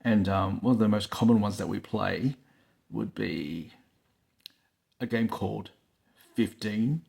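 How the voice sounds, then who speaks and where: A man's voice: lowish voice, slow pace, gravelly, darkish tone. A man hosting his own vlog, chatting casually to camera, with rambling talk full of fillers, recorded on a phone on a stand. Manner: rambling, full of "like, you know" fillers, laughs often. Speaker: vlog host.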